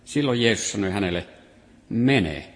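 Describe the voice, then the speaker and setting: A man's voice: lowish voice, animated. A man preaching a sermon, reading and explaining scripture with rising and falling emphasis. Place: hall. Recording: long reverb of a hall.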